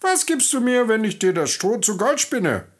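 A man voicing a tiny, wheedling male goblin who bargains for gold with a high, fluting voice. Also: big pitch swings, normal speed.

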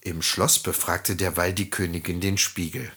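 A storyteller reading a fairy tale aloud in an expressive, lively way. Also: sits low, normal speed, breathy edge.

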